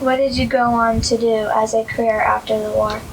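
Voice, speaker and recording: A woman's voice: on the high side, little pitch movement, brisk, very noisy. A woman interviewer reading out prepared questions.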